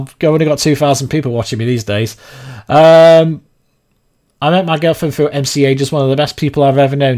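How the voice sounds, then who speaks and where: A man chatting casually during a livestream, rambling from topic to topic with quick laughs. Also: fairly high pitch, a little mellow. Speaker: streamer.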